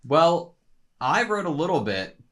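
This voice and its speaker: A man's voice: on the high side, big pitch swings, measured pace, a bit bright. A man co-hosting a casual anime reaction chat, joking and rambling as he thinks aloud.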